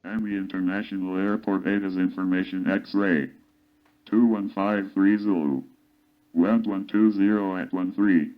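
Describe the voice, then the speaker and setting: A man reading a recorded airport weather broadcast in steady, clipped aviation phraseology, heard as a playback. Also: low-pitched, measured pace, highs cut off. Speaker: airport information broadcast reader.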